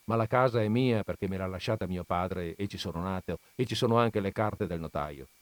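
Man reading a tired sailor guy home at last, slow and resigned, dry close sound. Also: sits low, dry recording, lightly acted. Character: weary sailor husband home after years.

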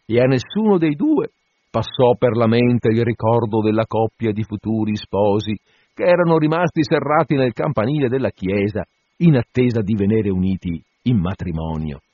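A man narrating a classic short story aloud in an expressive, storytelling manner, in a dull, dry recording. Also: fairly low pitch, normal speed, dry recording. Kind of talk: scripted literary reading.

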